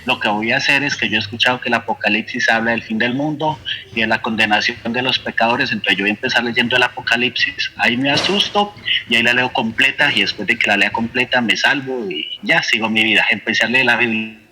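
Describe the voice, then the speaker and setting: A man's voice: medium pitch, fast talker, sharp tone, husky, low-quality recording. A man with a Colombian accent giving an earnest personal faith testimony, voicing his own past thoughts as he tells the story. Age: adult, with a son. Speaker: church member giving testimony.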